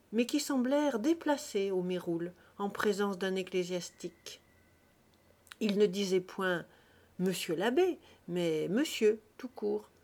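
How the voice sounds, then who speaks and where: A woman narrating a classic short story aloud, clear and expressive. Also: mid-range voice. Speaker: reader. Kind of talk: literary reading.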